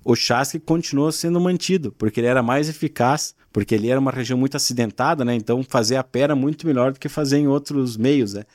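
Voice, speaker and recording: Southern brazil gaúcho guy, calm explainer voice, dry close mic, keeps tagging "right?". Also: medium pitch, dry recording. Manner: patient, explanatory, frequent tag questions. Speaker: guest, gaúcho culture content creator. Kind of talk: casual podcast chat, explaining expressions.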